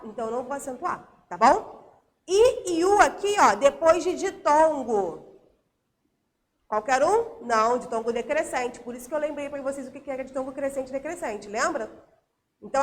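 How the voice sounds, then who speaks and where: A woman's voice: sits high, fairly bright tone. A Brazilian Portuguese-accented woman teacher giving a recorded grammar review lesson from home, explaining patiently and checking in with her students.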